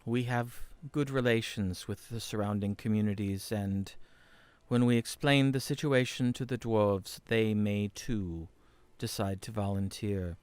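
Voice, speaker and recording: A man voicing a formal council leader who speaks in measured, ceremonial phrases. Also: lowish voice, steady tone, a little mellow, clear, resonant tone, no echo, natural voice. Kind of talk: tabletop role-play voice.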